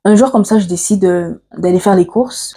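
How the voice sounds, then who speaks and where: A woman with an African French accent recounts a personal story to her viewers in an earnest, confiding way. Her voice is mellow and a little breathy. She hesitates often, filling pauses and restarting her sentences as she talks. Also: medium pitch. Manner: hesitant, frequent "euh" fillers and restarts. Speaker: vlogger.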